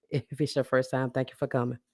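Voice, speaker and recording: Her bass voice has a darkish tone with no echo as she runs a live-streamed podcast monologue. The host greets viewers, encourages interaction, and talks bluntly and casually to her listeners, calling them sis and baby.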